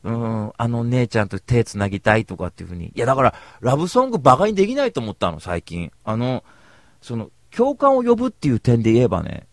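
A man's voice: medium pitch, very animated, quick pace, dry recording. A man rambling through a casual storytelling monologue, blunt and slangy, calling himself a cynic. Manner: slangy rough speech.

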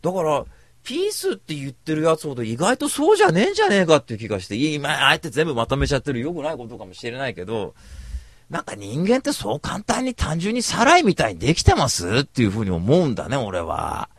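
A man talks quickly in a loose, slangy monologue, blunt and openly cynical. His pitch swings widely as he rambles from one story to the next, and the sound is dry with no room around it. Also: wildly swooping pitch, no echo. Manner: slangy rough speech.

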